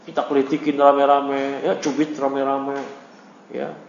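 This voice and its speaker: A man teaching a religious study circle, reading Arabic text aloud and explaining it, questioning the class and acting out quick mock dialogues. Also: medium pitch, vocal fry, a little hiss or hum. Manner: lively, reads Arabic then explains, acts out mock dialogues. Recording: echoey, dull lo-fi room recording.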